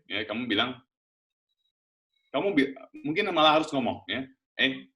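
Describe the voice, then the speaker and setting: A male priest, answering a question on forgiveness in a gentle, patient way, often adding "ya". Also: medium pitch. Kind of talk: pastoral Q&A answer.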